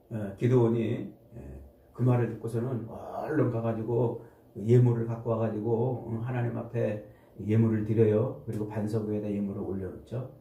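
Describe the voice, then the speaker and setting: A man's voice: medium pitch, warm tone. A middle-aged male pastor preaching, retelling a story and acting out the voices in it. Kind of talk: sermon. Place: church sanctuary. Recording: echoey room from a distance.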